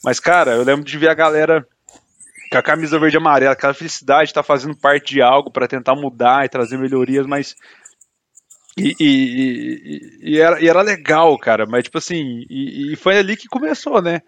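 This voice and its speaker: A man's voice: fairly high pitch, fairly quick, a bit bright. A man in casual podcast chat, talking in a heated, indignant way and filling his speech with slang.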